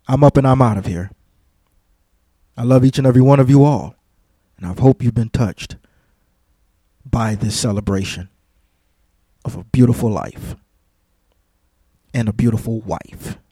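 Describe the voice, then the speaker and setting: Slow, husky-voiced man hosting a radio tribute. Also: medium pitch, no echo. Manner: halting, with many fillers and repeats; warm, devout and effusive. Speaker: radio show host. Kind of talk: heartfelt on-air tribute.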